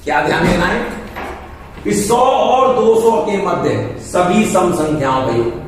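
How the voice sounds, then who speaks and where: A male math tutor with a high voice talks slowly and patiently, working through each problem out loud. He stands some distance from the mic in a very echoey room with faint background noise. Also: sing-song. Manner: slow, step-by-step, repeats numbers aloud while working. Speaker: math teacher. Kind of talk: classroom lesson explaining exam problems. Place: coaching classroom.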